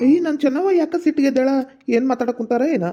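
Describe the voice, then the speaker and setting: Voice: high voice, dark tone, muffled recording, a little hiss or hum, lightly acted. Someone doing a fretful village husband. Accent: North Karnataka Kannada. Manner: fretful, hurried muttering. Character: worried village husband, comic. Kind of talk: comedy skit acting.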